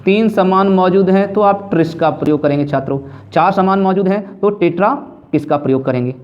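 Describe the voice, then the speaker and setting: A man's voice: high voice, brisk. A male chemistry teacher giving a classroom-style lecture, repeating points and asking and answering his own questions. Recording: dull lo-fi sound.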